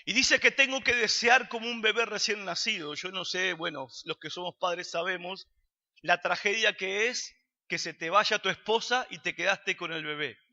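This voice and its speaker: A man with an Argentine Spanish accent preaches a sermon in a high, bright, forceful voice at a moderate pace. He poses questions to his congregation and answers them himself. The recording is dull, with long hall reverb.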